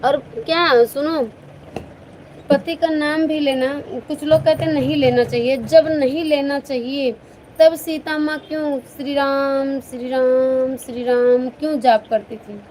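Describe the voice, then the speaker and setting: A woman's voice: sits high, steady tone, measured pace, darkish tone, a little hiss or hum, poor audio. A woman hosting a casual live stream, chatting playfully with viewers and teasing them with laughter.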